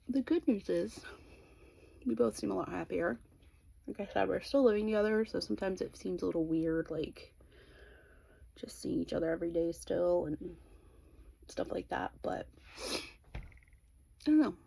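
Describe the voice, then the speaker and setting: A middle-aged woman in a casual, confessional chat to viewers, candid and rambling, with halting, trailing pauses. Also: medium pitch, vocal fry, a little mellow, breathy edge. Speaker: vlogger.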